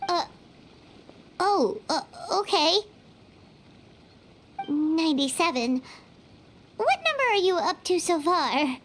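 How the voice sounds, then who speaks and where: An actress voicing a tiny, nosy, chirpy fairy girl companion in an anime video game, squeaky and childlike. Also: big pitch swings, takes it slowly, long pauses, a bit bright, a little hiss or hum, full character voice. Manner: squeaky, childlike, refers to herself by name.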